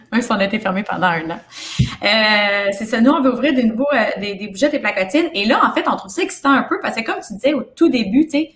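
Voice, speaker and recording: A woman's voice: mid-range voice, fairly bright tone, roomy sound. A young woman with a Quebec French accent, chatting casually in an interview as a kinesiologist, with many fillers and restarts. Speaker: kinesiologist and business owner.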